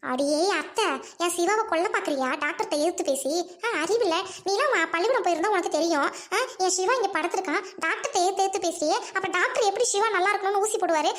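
A woman with a Trichy Tamil accent acting a shrill, nagging village mother-in-law in a comedy skit. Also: fast talker, fairly bright tone. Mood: scolding.

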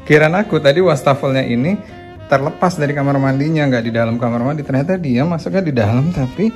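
A man giving a casual walkthrough of a hotel, chatty and quick to exclaim at what he finds. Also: medium pitch. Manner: chatty, exclaims at discoveries, addresses viewers as guys. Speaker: hotel reviewer.

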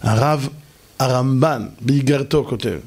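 A man giving a lively sermon to an audience, asking questions and answering them himself, and acting out shouting and calm voices. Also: medium pitch, breathy edge. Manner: animated, mimics shouting and soft calm voices for effect. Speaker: rabbi giving a Torah lesson.

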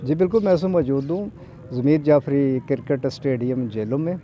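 A man's voice: medium pitch, brisk, soft background music. A man, a field reporter, politely introducing guests into a handheld mic outdoors at a cricket ground. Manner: polite, formulaic. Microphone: handheld branded mic. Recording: slightly dull outdoor audio.

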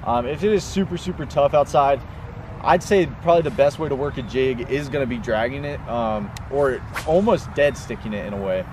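A man's voice: mid-range voice, brisk. A young man hosting a fishing video outdoors by a pond, explaining techniques in a chatty way with lots of fillers. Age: young adult. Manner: chatty, fillers like "you know" and "um". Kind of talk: casual outdoor instruction. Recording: outdoor recording with clear background noise.

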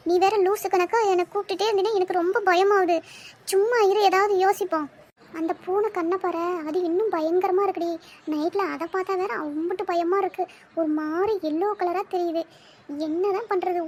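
A woman's voice: extremely high pitch, a little mellow. A woman voicing a nervous but bossy young village woman in a cartoon, scolding and fretful. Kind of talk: cartoon voice acting.

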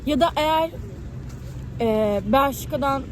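A woman's voice: high voice, a little slow. A young woman from Ankara chatting casually and talkatively, explaining things with everyday examples like a student vlogger. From Ankara, Turkey. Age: young adult. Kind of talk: casual chat over a meal. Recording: noisy urban ambience with traffic.

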